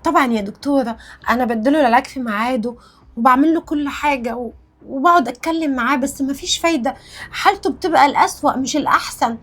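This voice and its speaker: An actress playing a worried sister with an Egyptian accent, pleading anxiously with the doctor. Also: female voice, high-pitched, fast, a bit bright. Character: worried older sister begging the doctor for help. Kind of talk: web drama acting.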